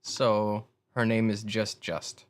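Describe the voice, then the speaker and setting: A man's voice: lowish voice, completely flat delivery, takes it slowly, a little hiss or hum. Sarcastic male game streamer. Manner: dry, sarcastic asides. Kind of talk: game commentary.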